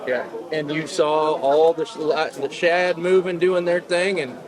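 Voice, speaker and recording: Male interviewer, fairly high-pitched, chatty and affirming, recorded outdoors with a crowd clearly audible. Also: level tone, measured pace, low-quality recording. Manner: affirming, encouraging. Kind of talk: casual interview chat.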